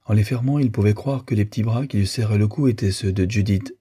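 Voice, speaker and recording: A man narrating a novel as an audiobook, in a steady, measured storytelling manner. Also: fairly low pitch, breathy edge.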